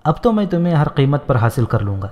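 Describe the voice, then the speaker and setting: A man's voice: on the high side, sing-song, dull audio. A man reading the lines of a lovestruck male fort commander in a storybook, coaxing and affectionate. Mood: insistent. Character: smitten male fort commander, pleading and eager. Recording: long hall reverb.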